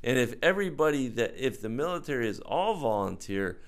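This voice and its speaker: An older American man, a filmmaker appearing as an interview guest, talks casually about films and politics. His mid-range voice swings widely in pitch and moves fairly quickly. He sounds hesitant, thinking aloud as he works through his views.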